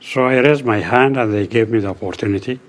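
An older man, thoughtfully recounting his past in an interview, speaking in an unhurried, measured way with frequent pauses. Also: on the low side. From Sudan. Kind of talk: reflective storytelling. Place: indoors by a window.

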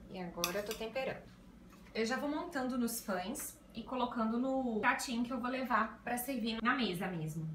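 A young woman talks to her viewers while cooking, walking through every step of a recipe in her small tiled home kitchen for a casual vlog. Her voice is fairly high. The phone on a tripod sits at a distance, so the echoey room, background music and general noise all come through.

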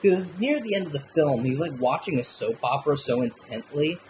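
A man's voice: a little high, lively intonation, a little fast, slight background noise, low-quality recording. A man giving a casual, enthusiastic film review, swearing freely as he talks.

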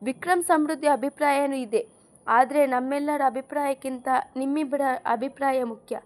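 A woman reading an audiobook story, voicing a kind older mother with a high, coaxing motherly manner. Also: moderate pace, a little mellow, close to an everyday voice. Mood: earnest. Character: kind elderly mother arranging marriage, gentle.

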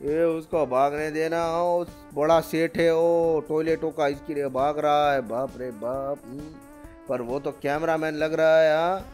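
A young man doing rowdy, playful gameplay commentary on a headset, often shouting. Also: a little high, fairly even intonation, unhurried, soft background music. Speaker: gaming YouTuber. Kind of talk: comic Roblox gameplay commentary. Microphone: gaming headset.

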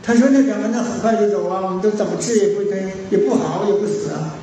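A man's voice: high-pitched, fast, dark tone. A man with a Northeastern Mandarin accent tells stories in a folksy moral sermon, acting out the dialogue with broad animation. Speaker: moral teacher lecturing at a forum. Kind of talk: storytelling folk sermon. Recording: very echoey hall, distant mic, faint hiss.

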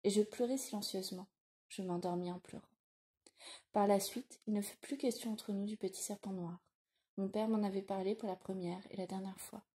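Warm-toned woman narrating a novel. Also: mid-range voice, steady tone. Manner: measured, reflective. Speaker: audiobook narrator. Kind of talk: literary audiobook narration.

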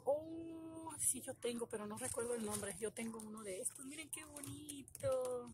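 A middle-aged woman, talking excitedly to viewers in a casual unboxing video, her voice trembling with emotion. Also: on the high side, moderate pace, noisy background. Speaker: gardening vlogger.

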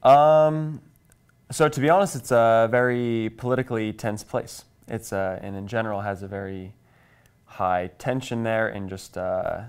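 This interview guest, a Kansas man in his twenties with an American accent, speaks at a measured pace in a lowish, clean voice with fairly even intonation. He answers conversationally, recorded on a lapel mic in a small indoor TV studio.

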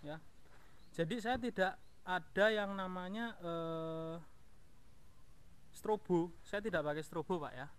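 The voice sits high with a fairly bright tone, and this man speaks slowly with long pauses. He's a motovlog host giving an informal, colloquial walkaround of his motorbike directly to viewers, outdoors in a house yard, captured on an action camera with clear background noise.

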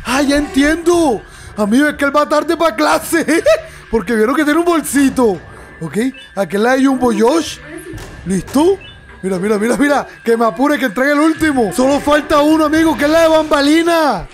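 A young man with a very high voice talks through a game as a let's-play host. He jumps from chatter to sudden yelps and laughs often. Soft game music plays underneath. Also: moderate pace. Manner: excitable, laughs often, yelps and exclaims at scares. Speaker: gaming YouTuber. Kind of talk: excitable let's-play commentary.

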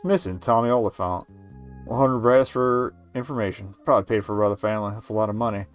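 A man's voice: fairly low pitch, fairly even intonation, quick pace, clean tone, soft background music. A man in his thirties streaming a game, reading its text aloud with casual commentary. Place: indoor room at home, webcam stream.

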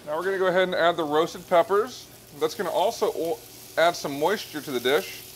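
In a cooking demonstration, a male chef in his thirties works on a pasta dish at a hot stove in a restaurant kitchen, speaking fairly quickly in a voice on the high side. He stays relaxed and explains each step, against background noise and music beneath his voice.

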